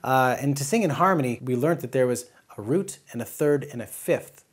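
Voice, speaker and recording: A middle-aged man and music educator, explaining things step by step in a relaxed teaching chat. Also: mid-range voice, brisk, husky.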